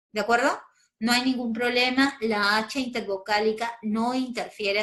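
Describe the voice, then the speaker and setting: A woman's voice: mid-range voice, a bit bright. A woman with a Peruvian accent teaching a grammar lesson, explaining patiently step by step and checking in with her students. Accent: Peruvian Spanish. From Peru.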